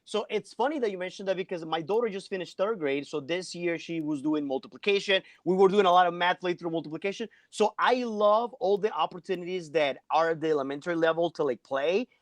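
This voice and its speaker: A man's voice: sits high, fast talker, hardly any pauses, no echo. A middle-aged man, a math teacher talking casually as an interview guest from his home basement, filling his speech with "like.". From Colombia. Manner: chatty, peppers speech with "like".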